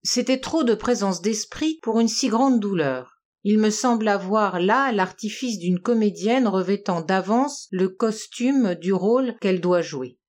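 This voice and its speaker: Woman reading an old novel out loud, steady and expressive, mid pitch. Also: a little slow, few pauses. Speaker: narrator. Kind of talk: audiobook reading of a classic novel.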